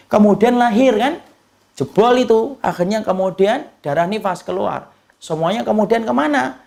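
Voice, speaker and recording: A male preacher delivers a lively sermon, his voice rough and gravelly. He keeps asking the congregation questions and answers them himself, now and then slipping into short, humorous quoted voices. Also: sits high. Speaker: Islamic preacher.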